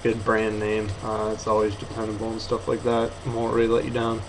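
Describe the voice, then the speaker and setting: An eighteen-year-old man giving a casual, rambling, offhand video review in a hesitant, low-key way, talking slightly muffled with a lip full of dip. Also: completely flat delivery, fairly quick. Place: apartment bedroom. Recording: noisy room sound.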